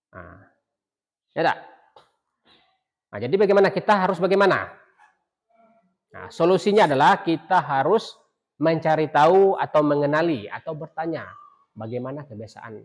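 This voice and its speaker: A middle-aged man teaching a class, asking rhetorical questions and pausing on fillers and restarts. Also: medium pitch. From Indonesia. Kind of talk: classroom lecture.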